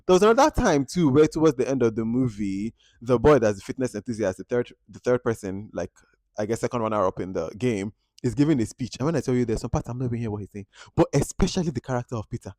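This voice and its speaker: A man from Nigeria, reviewing a film at home in an animated, expressive way, jumping between loud outbursts and quiet asides. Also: medium pitch, fast, no echo. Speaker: movie reviewer. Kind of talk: casual movie review vlog.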